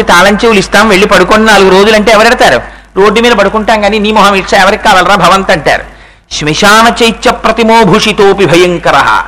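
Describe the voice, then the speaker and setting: A man's voice: sits high, bright, forceful tone, low-quality recording. A man giving a devotional discourse, chanting verses and then explaining them with pointed rhetorical questions to the listener. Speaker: religious discourse speaker.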